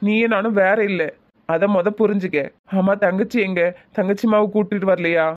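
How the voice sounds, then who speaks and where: A man's voice: high voice, fairly even intonation, normal speed, no echo, phone-quality sound, lightly acted. A man voicing a caring young male friend in a cartoon, asking insistent questions in a Tirunelveli Tamil accent. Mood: concerned. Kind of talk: cartoon voice acting.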